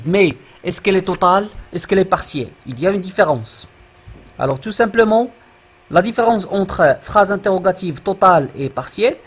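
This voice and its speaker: Slow, husky male teacher. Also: on the high side. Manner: slow, repeats and checks with "d'accord?". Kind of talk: classroom grammar lesson.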